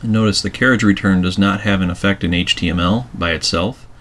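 A man calmly walking through a website editing tutorial step by step, with keyboard typing behind him. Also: sits low, brisk. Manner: calm step-by-step explaining while working. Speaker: tutorial presenter. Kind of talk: screencast software tutorial.

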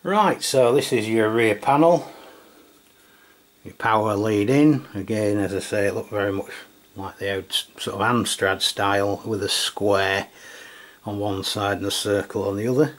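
At a tabletop indoors, a middle-aged radio product reviewer casually demonstrates a product off the cuff, musing tentatively as he goes. He speaks at a measured pace in a fairly low pitch. The clip clearly carries background noise and room ambience.

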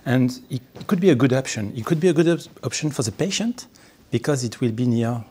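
Guy on a panel, breathy husky voice, keeps restarting, library room. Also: mid-range voice, expressive, dark tone. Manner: halting, restarts phrases often. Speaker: panelist surgeon. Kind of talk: panel discussion answer.

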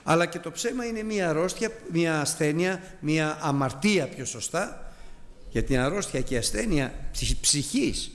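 A man's voice: fairly high pitch, lively intonation, in a large hall. A man teaching a Bible study as a sermon, earnest and emphatic, addressing his listeners as brothers.

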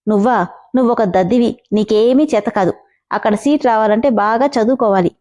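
A woman's voice: on the high side, fairly quick, warm tone, lightly acted. Woman doing a teasing teenage boy. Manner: teasing and playful.

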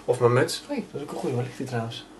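A young adult vlogger films himself on a handheld camera held at arm's length, chatting casually as he goes from his attic room to the street and onto a train. He rambles very fast with lots of fillers in an animated, mid-range, slightly mellow voice, with slight background noise.

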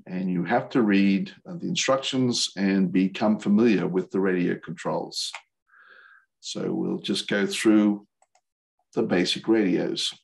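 A low, creaky voice comes from an older man who is a licensed radio operator. He walks through an explanatory presentation on a webinar video call. He sounds plain and somewhat unsure.

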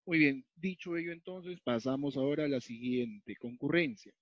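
Teaching grammar at a whiteboard or tablet, a man from Peru writes as he explains each step, repeats key ideas and keeps asking whether the class follows. He speaks at normal speed in a medium pitch. The recording is dull, lo-fi and dry, with no room sound.

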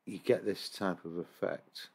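Unhurried and steady, an English paranormal investigator with a low, gravelly, slightly mellow and breathy voice comments casually on security camera footage at his computer. The screen-recorded review rambles, with frequent fillers and restarts.

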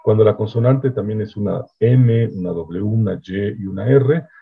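A man giving a measured academic lecture, often checking in with his listeners. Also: lowish voice, vocal fry, slightly rough. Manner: explanatory, measured, frequent "¿no?" checks. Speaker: linguistics researcher giving a lecture. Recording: dull lo-fi online talk audio.

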